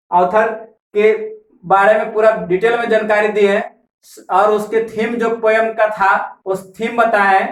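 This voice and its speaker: A man gives an online class, going through vocabulary one word at a time and repeating each meaning so students can note it down. His voice sits high for a man. The room around him is echoey. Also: a bit bright. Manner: explains slowly, repeats key words and meanings. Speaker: English teacher.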